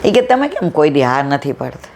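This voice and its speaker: In this satsang, a woman shares devotional stories conversationally, voicing the quoted dialogue herself. She speaks low and a little fast, gravelly yet slightly mellow, with big swings in pitch. A faint hiss or hum is present.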